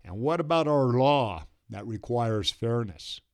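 A man's voice: medium pitch, expressive, unhurried, a little mellow. A man voicing an earnest male temple guard.

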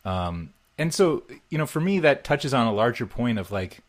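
A man, likely a podcast co-host, speaking in reflective casual conversation and lifting his pitch when stressing a point. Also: very animated, normal speed. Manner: reflective, relating, rising pitch on emphasis. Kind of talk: casual chat.

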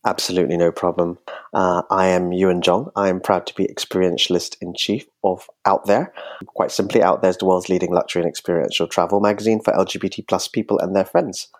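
A man talking casually as a podcast guest, chatty and quick to laugh. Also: deep voice, flat delivery. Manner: chatty, laughs easily, jokes about his sultry podcast voice. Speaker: podcast guest, magazine co-founder. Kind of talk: casual interview talk.

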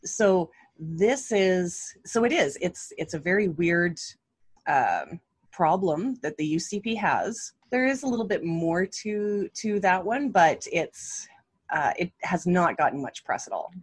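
A woman's voice: fairly low pitch, sing-song, slightly rough. A woman co-hosting a podcast, chatting casually about politics with many fillers. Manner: chatty with many fillers, quick to agree and laugh. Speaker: podcast co-host.

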